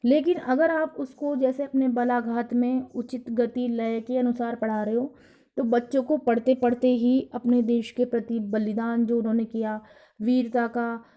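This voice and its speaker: A woman teacher giving a recorded lesson, explaining slowly and acting out examples. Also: on the high side, level tone, warm tone. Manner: slow, explanatory, acts out examples. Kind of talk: recorded lecture on teaching Hindi.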